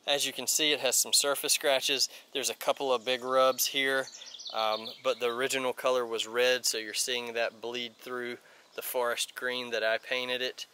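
A man in his thirties hosting a casual how-to vlog outdoors in a backyard, chatty and relaxed, with filler words, picked up by a camera mic at some distance. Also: mid-range voice, normal speed, slight background noise. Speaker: outdoor channel host.

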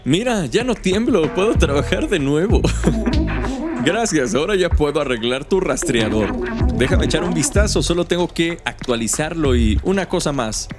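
A man's voice: a little high, very animated, normal speed, over music. A man voicing a shivering sick robot tinkerer. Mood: relieved. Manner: fretful, complaining he is shivering.

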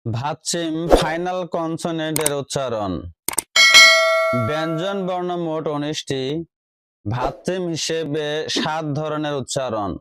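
A man teaching a language lesson, reading out pronunciation rules and examples in a slow, measured dictation. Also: a little high, lively intonation, background noise. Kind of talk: scripted lesson narration.

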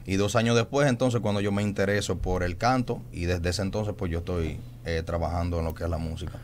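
A young man from the Dominican Republic with a Dominican accent, a singer answering questions calmly in a radio studio interview. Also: deep voice, brisk, slight background noise. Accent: Dominican Spanish. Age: young adult. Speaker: guest singer. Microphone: studio mic on a stand.

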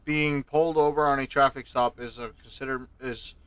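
A man's voice: mid-range voice, fairly even intonation, normal speed, a bit bright, clear, resonant tone. A man improvising as a police officer in game role-play, speaking matter-of-factly.

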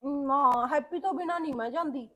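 A strange, blunt young wife with a childlike way of talking, her voice very high. She speaks with a Punjabi accent and plainly insists on getting her way, as an actress plays her. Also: fairly quick, a bit bright. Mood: childish. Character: odd sister-in-law who tries to choke her husband's sister.

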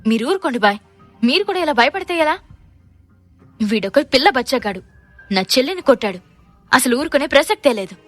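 A woman doing a hot-headed shouting brother. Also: high-pitched, sing-song, fairly quick, pauses often, faint music behind, full character voice. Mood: defiant. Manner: shouting, threatening. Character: hot-headed man, protective older brother, loud and boastful.

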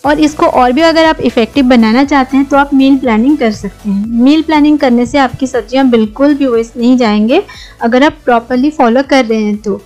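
With a high voice and a slightly fast delivery, a middle-aged Indian cooking channel host shares friendly tips from the kitchen. Her voice-over blends Hindi with English words and sits over soft background music.

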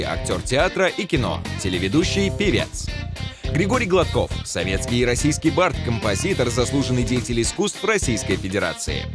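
A man narrating a scripted television voice-over. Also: medium pitch. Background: music with guitar.

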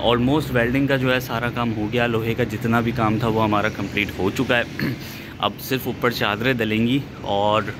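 A middle-aged man walking a camera around his rooftop and describing the planned renovation in a relaxed, enthusiastic way, pausing often to think. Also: lowish voice, noisy background. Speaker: vlogger showing a rooftop renovation. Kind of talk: casual walkthrough narration. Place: rooftop of a house, outdoors.

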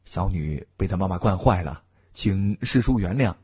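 A man's voice: animated, a little slow, breathy edge, lo-fi sound. Man doing a nervous pleading father. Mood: apologetic. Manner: pleading, apologetic, lower voice. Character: harried middle-aged father, anxious and pleading.

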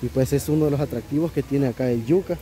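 This vlogger host talks fast, his mid-range voice warm as he chats enthusiastically at an outdoor riverside restaurant. A Salvadoran Spanish accent colors his casual travel commentary, and he laughs a lot.

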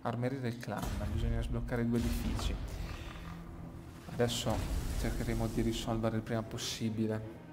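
A man's voice: mid-range voice, completely flat delivery, normal speed. Man, mid-range voice, casual gaming commentary, thinking aloud, small room echo, noisy background. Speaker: gaming YouTuber. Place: small room emptied of furniture, indoors. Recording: echoey small empty room, clear background noise.

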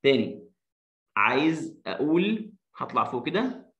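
A man with an Egyptian Arabic accent teaching an English lesson. He says the English example sentences slowly and drills them, then explains quickly in Arabic. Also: mid-range voice, big pitch swings, a bit bright, roomy sound, lo-fi sound.

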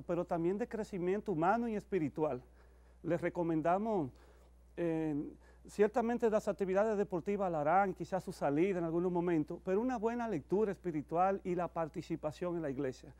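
High-pitched, mellow middle-aged priest. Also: male voice, fairly quick. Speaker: priest celebrating televised Mass. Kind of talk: homiletic announcements and liturgical blessing. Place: indoor chapel, at the altar.

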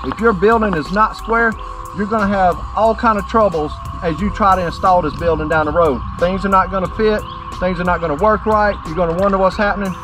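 High-voiced middle-aged man teaching outdoors. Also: steady tone, fairly quick, over music. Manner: plain-spoken, explains step by step, addresses viewers directly. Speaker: company presenter. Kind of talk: outdoor how-to demonstration. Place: outdoors by a driveway on a sunny rural property.

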